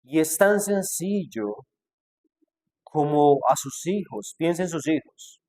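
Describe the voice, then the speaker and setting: Male pastor, slightly raised pitch, mid-sermon, rhetorical and lively in delivery. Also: slow pace. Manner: acts out quoted objections in a changed voice; asks rhetorical questions.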